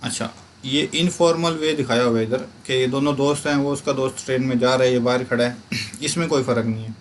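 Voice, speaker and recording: Man, mid-pitched, patient teacher repeating words, light hiss behind. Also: steady tone. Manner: explains slowly, repeats words aloud. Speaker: language teacher. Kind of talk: casual explanatory lesson.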